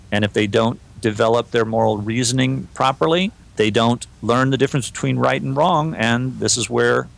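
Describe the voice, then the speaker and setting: Guy cohosting a podcast, mid pitch, easygoing talk, reads out emails. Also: vocal fry, fairly bright tone. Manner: conversational, reads listener emails aloud. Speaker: podcast co-host. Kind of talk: casual podcast discussion.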